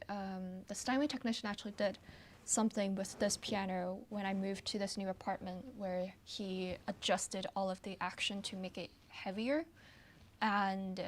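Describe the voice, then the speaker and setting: A woman from Hong Kong, a pianist hosting a relaxed livestream Q&A from her apartment, who chats easily and trails off with ums and soft laughs. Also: mid-range voice. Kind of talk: casual livestream Q&A chat. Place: her apartment, at home with her piano.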